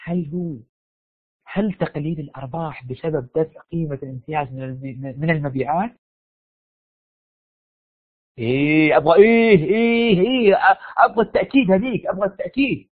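The dry, phone-like audio of a live online lecture captures a Saudi university lecturer, sore-throated and ill, with a Saudi Arabian accent. His voice is on the high side, fairly quick and full of pauses, with no room sound. He animatedly coaxes students with quiz questions.

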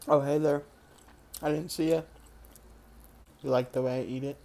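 A young man in his twenties doing a dry, deadpan comedy food review into a close-held phone camera indoors. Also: fairly high pitch, moderate pace, vocal fry. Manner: dry, deadpan, crude humor. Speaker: comedy vlogger. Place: small indoor laundromat by a window.

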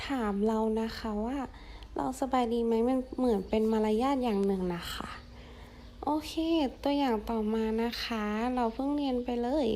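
A young woman who teaches English with a Thai accent and repeats each phrase slowly for her pupils to say back. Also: high voice, mellow, a little hiss or hum. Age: young adult. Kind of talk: slow, drawn-out classroom teaching.

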